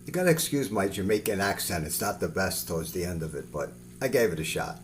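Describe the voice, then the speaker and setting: A man's voice: deep voice, lively intonation, fast talker, slight background noise. A man giving a wry, casual voice-over aside. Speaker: scambaiter. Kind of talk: voice-over commentary.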